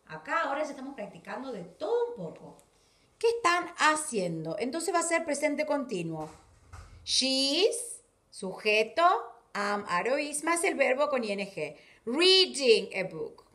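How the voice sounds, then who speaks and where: Woman, Rioplatense Spanish accent, English teacher for kids, very slow careful delivery, echoey room. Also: sits high, sing-song, fairly bright tone. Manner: slow, careful, exaggerated English words for children. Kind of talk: video class for children.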